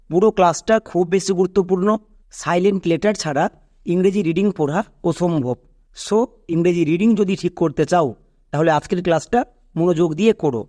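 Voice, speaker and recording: A man's voice: high-pitched, dark tone. A man teaching English pronunciation in a classroom-style lesson. He explains each rule step by step, repeats it, and asks the class questions as he goes.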